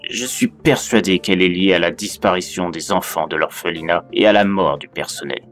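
A man's voice: low voice, fairly quick. A man reading a first-person horror story in a dramatic storytelling style. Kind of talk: creepypasta narration. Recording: narration over loud music.

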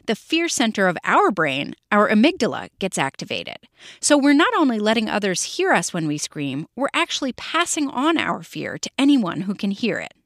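A woman hosts a science podcast for children, reading her script clearly and expressively. Her pitch moves a lot, and the sound is dry with no room echo. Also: a bit bright. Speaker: podcast host. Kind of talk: scripted narration.

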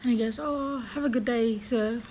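A woman's voice: fairly high pitch, moderate pace, a little mellow, slight background noise, low-quality recording. A woman telling a casual, rambling story full of fillers. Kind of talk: casual anecdote.

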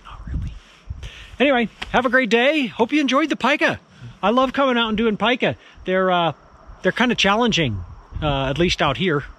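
A wildlife photographer chatting casually in a vlog, relaxed and self-deprecating, out in a rocky field at dusk. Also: male voice, sits high, normal speed.

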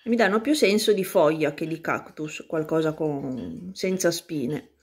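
A woman vlogging casually about her seedlings, pausing often to search for words as she films with a handheld phone. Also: low-pitched, husky. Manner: hesitant, searches for words, many fillers. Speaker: plant vlogger. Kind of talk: casual how-to chat.

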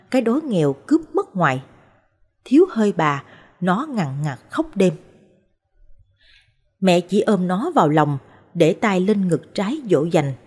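A woman narrating short life stories in a calm, measured, scripted way. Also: fairly low pitch, husky. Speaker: storyteller. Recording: soft background music.

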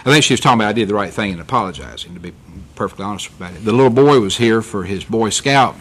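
A man's voice: lowish voice, expressive, rapid-fire, a bit bright, slightly rough. A middle-aged man, a county commissioner speaking candidly and rambling a bit in a meeting chamber. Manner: candid, rambling, self-correcting storyteller. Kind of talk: public meeting remarks.

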